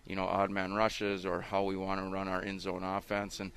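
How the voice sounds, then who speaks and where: A man in his thirties, a high school hockey coach, explaining earnestly in a radio interview, his voice muffled by a face mask. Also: monotone, moderate pace, fairly bright tone, clean tone. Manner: earnest, explanatory, frequent "you know".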